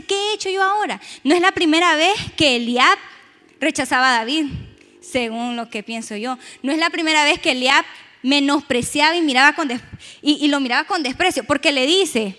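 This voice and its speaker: A woman's voice: high voice, expressive, normal speed, bright, forceful tone. A woman preaching a sermon, emphatic and raising her voice when she reads scripture aloud. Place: church sanctuary. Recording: long church reverb.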